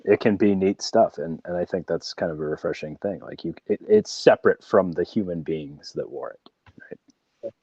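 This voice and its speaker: A very low-pitched man hosting a relaxed chat, rambling and encouraging his guest. His voice sounds dry, close and a bit muffled. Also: moderate pace, breathy edge, no room sound. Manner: encouraging, rambling, tags questions with "right?". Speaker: podcast host. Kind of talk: casual interview chat.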